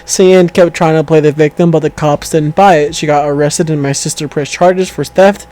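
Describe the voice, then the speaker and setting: A man's voice: fairly high pitch, fairly even intonation, normal speed, warm tone, rough recording. A man casually reading an online story aloud to a co-host, stumbling over words and correcting himself as he goes. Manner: reads aloud with stumbles, self-corrections and laughter.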